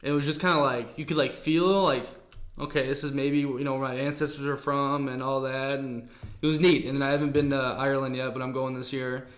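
A man's voice: mid-range voice, level tone, brisk. An American man hosting a podcast interview, talking in an easygoing, rambling way with lots of fillers. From United States. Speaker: podcast host. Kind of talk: casual interview chat. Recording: echoey room.

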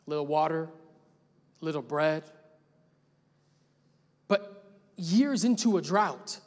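Slow and lively in intonation, this young man's voice sits on the high side as he preaches from the pulpit. His sermon unfolds as a casual story that climbs toward emphatic moments, recorded with the long echo of a big church hall.

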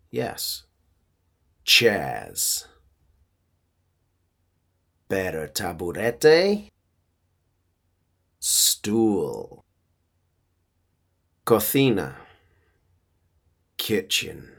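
A man teaching English vocabulary, quizzing the listener playfully and pausing for them to repeat. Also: fairly low pitch, creaky, fairly bright tone, breathy edge. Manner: drills words with pauses to repeat. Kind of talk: vocabulary lesson.

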